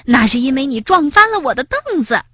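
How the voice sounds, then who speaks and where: A woman voicing a small excitable rabbit child in a storybook reading, breathy and quick to scold. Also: dry recording, studio quality, full character voice. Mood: indignant. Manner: shrill, indignant outbursts.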